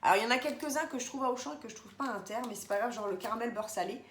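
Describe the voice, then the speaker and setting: A woman's voice: a little high, rapid-fire. A woman chatting casually through a grocery haul vlog, rambling and addressing viewers directly. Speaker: vlogger. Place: home, indoors. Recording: echoey room, faint background noise.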